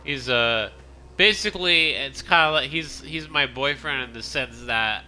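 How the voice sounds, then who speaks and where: Casual gameplay commentary comes from a male streamer whose mid-range voice is unhurried, bright and forceful. He's chatty and rambling, frequently interrupting himself and starting sentences over as he plays.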